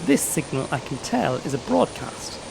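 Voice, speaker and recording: A very animated man with a medium-pitched voice and vocal fry gives a casual screen-share tutorial at normal speed. He thinks aloud and explains step by step in an informal, exploratory way, while shortwave radio static, signals and faint chatter play in the background.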